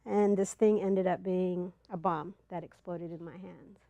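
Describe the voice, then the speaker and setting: A middle-aged woman from Ethiopia telling a personal story to a live audience, earnest and halting, with pauses and fillers, on a clip-on mic. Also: on the low side, fairly even intonation, mellow, no room sound, lo-fi sound. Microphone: clip-on mic, not in front of the face.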